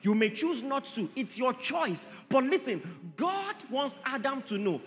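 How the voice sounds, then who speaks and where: High, lively-voiced preacher in a hall. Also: male voice, unhurried, faint music behind. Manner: emphatic, repeats rhetorical questions to the congregation. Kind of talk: sermon.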